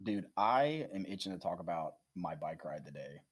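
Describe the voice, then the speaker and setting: Animated man telling a rambling story. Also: low-pitched, moderate pace, slightly rough. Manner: animated, rambling anecdotes with swearing. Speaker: podcast co-host. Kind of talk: casual comedic storytelling.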